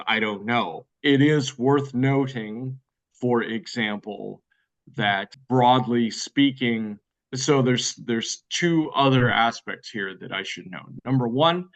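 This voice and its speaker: Answering interview questions at length, the guest expert hedges and reflects, stumbling through many fillers and restarts. He is an American man from the United States with a medium-pitched, fairly bright voice, captured on a low-quality recording.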